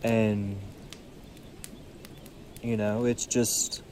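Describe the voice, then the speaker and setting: A tired young man musing aloud in a solo vlog, seated outdoors by a creek, filling his pauses with "you know". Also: fairly low pitch, level tone, a little mellow, a little hiss or hum. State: tired, yawning. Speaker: podcast vlogger. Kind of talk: reflective solo monologue. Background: faint creek water and birdsong.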